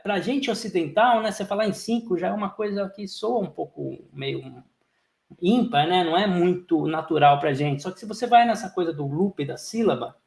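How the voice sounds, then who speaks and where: High-voiced man chanting rhythm syllables. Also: creaky, a little mellow. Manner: chants konnakol syllables in quick rhythmic runs. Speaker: drum teacher. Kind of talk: online lecture with sung rhythm syllables. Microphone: video call. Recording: roomy echo.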